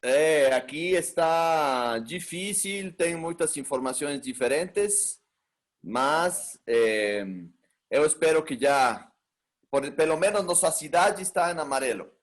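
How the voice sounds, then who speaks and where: Slow-speaking male workshop host. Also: a little high, lively intonation. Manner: warm greetings, unhurried. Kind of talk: welcoming participants on a video call. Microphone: video call.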